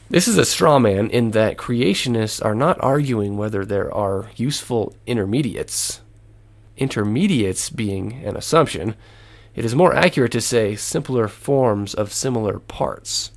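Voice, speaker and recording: A man giving a scripted lesson, reading in a measured, earnest way. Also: on the low side. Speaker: lecturer. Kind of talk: scripted narration.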